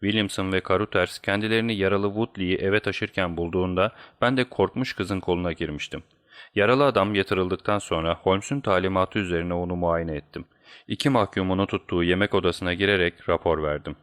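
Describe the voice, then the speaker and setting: A man's voice: deep voice, a little fast, smooth. A man reading a detective story aloud as an audiobook narrator, telling it steadily. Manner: steady storytelling, voicing each character.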